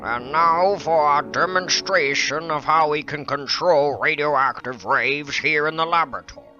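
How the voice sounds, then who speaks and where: An actor playing a formal, encouraging science teacher in a hammy dramatic reading, lecturing and a little pompous. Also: male voice, on the high side, a little slow, bright, forceful tone. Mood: formal, brisk. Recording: slightly dull sound, music behind.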